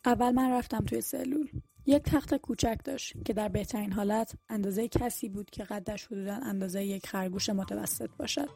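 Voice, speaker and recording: A woman's voice: on the high side, vocal fry, dark tone. A woman reading a novel aloud as an audiobook narrator, voicing the characters' dialogue lightly herself. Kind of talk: scripted narration over music. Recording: music bed behind the voice.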